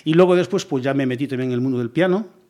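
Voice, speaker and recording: Talking fast in a medium-pitched, slightly mellow voice, a middle-aged Galician man appears as a guest on a relaxed radio interview. He's a police commissioner from Galicia, Spain, who speaks expansively and keeps tacking "eh?" and repeated yeses onto his phrases.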